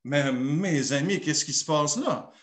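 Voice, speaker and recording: A man's voice: a little high, expressive, unhurried, echoey room. A man with a Québécois French accent, a pastor telling a personal story in a sermon and acting out the dialogue. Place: church.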